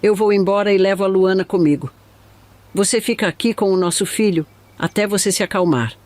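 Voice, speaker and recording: A woman's voice: medium pitch, fairly quick, a little mellow, lightly acted. A woman narrator voicing a cheating middle-aged husband who pleads and then gives orders. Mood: insistent.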